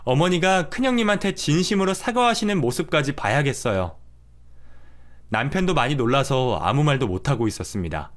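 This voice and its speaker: A man narrating a first-person drama story in a steady, matter-of-fact way. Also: on the high side, fairly quick.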